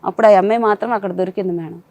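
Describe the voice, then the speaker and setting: A woman's voice: mid-range voice, steady tone, very fast, a little mellow, dry recording. A woman telling a panel of counsellors about her marriage, in a rambling, polite way. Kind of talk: emotional account to counsellors.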